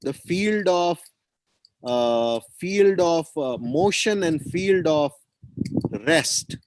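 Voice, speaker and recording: A man's voice: fairly high pitch, lively intonation, very slow, a little mellow, dry recording, rough recording. A man teaching children over a video call, encouraging them and repeating his praise and questions. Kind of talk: online children's class.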